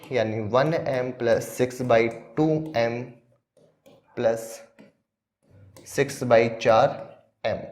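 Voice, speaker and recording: A man's voice: mid-range voice, a little mellow. Male maths tutor for exam prep, walks through each step, asks and answers his own questions, mid-range voice. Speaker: maths teacher.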